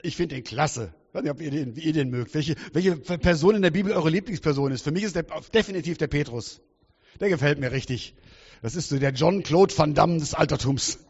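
A man in his fifties preaches a lively, joking sermon in a slightly raised voice, drawing the congregation in with questions. It sounds like a large church hall with long reverb, caught on a dull, muffled recording. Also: a little high, a little fast, breathy edge. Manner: lively, humorous, theatrical, talks to the congregation.

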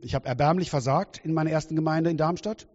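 A man in his fifties preaching a sermon in a lively, humorous and theatrical way, often asking the congregation questions. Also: a little high, fast. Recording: dull sound with long hall reverb.

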